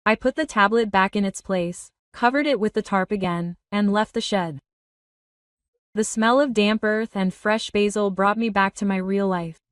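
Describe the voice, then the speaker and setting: A woman reading a first-person story in a steady, even narrating voice. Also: mid-range voice, moderate pace, dry recording, clean studio sound, distant mic.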